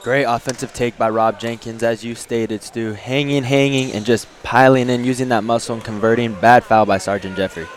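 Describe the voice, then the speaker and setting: A man's voice: medium pitch, fairly even intonation, moderate pace, hardly any pauses, a little hiss or hum. Man giving basketball color commentary, mid-range voice. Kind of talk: live basketball analysis.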